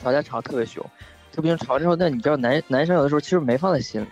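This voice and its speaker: A man co-hosting a casual podcast chat. He talks quickly, and his storytelling runs on plainly from one detail to the next. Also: a little high, darkish tone, lo-fi sound, soft background music. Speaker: podcast co-host.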